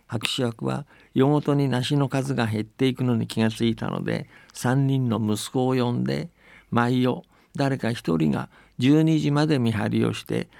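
On a radio programme, a male host reads folktales and comments on them in a folksy, chatty way that looks for agreement. His mid-range voice is gravelly and darkish, captured dry and clean in a studio.

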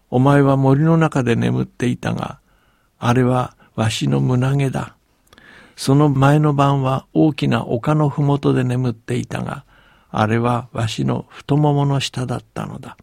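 Brief: man voicing a vast old male giant from the far north, loud, slow, breathy huffs, gravelly fry. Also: mid-range voice, no echo, studio quality. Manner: drawn-out blowing breaths, loud commanding voice.

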